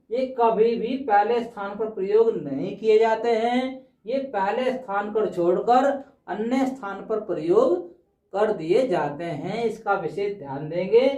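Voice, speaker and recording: A man's voice: sits high, darkish tone, far from the mic. Male teacher, explanatory lesson, patient and repetitive, recorded off-mic in an echoey room. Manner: patient, repeats words slowly, checks in with 'ठीक है' often. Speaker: Hindi teacher. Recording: roomy, dull sound from off-mic.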